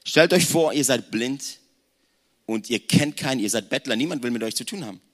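A man around forty preaching a lively sermon in a conversational tone, speaking straight to the congregation. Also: mid-range voice, normal speed. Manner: conversational, addresses the congregation directly, mixes in English slang words. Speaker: pastor.

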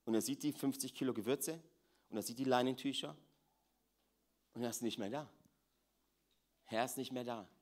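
Preacher swinging from hush to fervor. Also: male voice, medium pitch, moderate pace, long pauses. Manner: dramatic swings between hushed and raised voice, repeats phrases. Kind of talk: sermon.

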